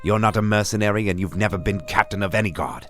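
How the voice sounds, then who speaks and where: A man voicing a fierce young woman gang leader who talks in a sharp, demanding, cutting way. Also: fairly low pitch, quick pace, faint music behind, voice pushed up, natural voice. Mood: cold accusing.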